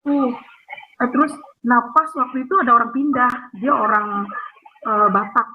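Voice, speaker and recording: A woman from Jakarta with a Betawi accent, telling her personal testimony in an animated way over a phone call. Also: on the high side, moderate pace. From Jakarta, Indonesia. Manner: animated storytelling, acting out others' lines. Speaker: guest giving a testimony. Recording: tinny phone line with faint noise.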